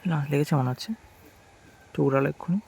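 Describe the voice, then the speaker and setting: A man vlogging outdoors beside a pond, narrating casually in hushed tones while his aunt fishes. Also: on the high side, fairly quick, gravelly, slight background noise. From India. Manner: hushed, whispering while waiting for fish.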